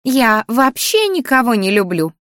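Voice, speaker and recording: A woman's voice: a little high, very animated, measured pace, a bit bright, no room sound, clean studio sound, pitched above the performer's own voice. A woman voicing a grumpy, haughty female talking flower in a storybook reading, grumbling and huffy.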